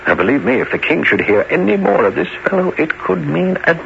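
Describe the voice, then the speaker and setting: An actor playing a scheming, smooth-talking bishop in a radio costume drama, coaxing and conspiratorial. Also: male voice, a little high, very animated, a little fast, heavily acted. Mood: coolly conspiratorial. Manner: conspiratorial, coaxing, hesitant "uh" interjections. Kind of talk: audio costume drama acting. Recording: muffled, noisy old radio-style recording.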